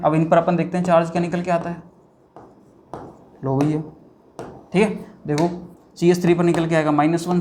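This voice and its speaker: A man's voice: on the high side, darkish tone, slight background noise. A man teaching a chemistry lecture, talking conversationally and asking questions he then answers himself. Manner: conversational, asks and answers his own questions, says 'bhaiya' and 'theek hai' often. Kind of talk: whiteboard lecture.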